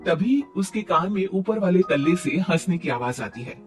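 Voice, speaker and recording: A man narrating a scripted cartoon story in a plain, steady way. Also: sits high, normal speed. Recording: distant mic, faint music.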